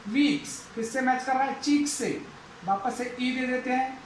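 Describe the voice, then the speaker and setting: A man's voice: very high voice, moderate pace, echoey room, a little hiss or hum, rough recording. A man teaching an English lesson, going through it methodically and repeating each step aloud. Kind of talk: explaining a lesson.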